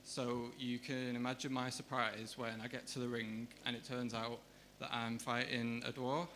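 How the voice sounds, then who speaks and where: A man doing deadpan stand-up, pausing and hesitating between lines. His voice sits at a middle pitch. Room noise comes through clearly behind him. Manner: deadpan, hesitant delivery with fillers. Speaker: stand-up comedian. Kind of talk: stand-up comedy. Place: comedy club stage.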